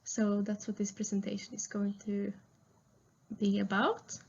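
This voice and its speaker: A woman's voice: mid-range voice, level tone, unhurried, vocal fry, slight background noise. A young woman in her twenties from Sweden, with a Swedish accent, presenting a prerecorded conference talk in a friendly tone with frequent "uh" fillers. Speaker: research engineer presenting. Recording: muffled lo-fi recording.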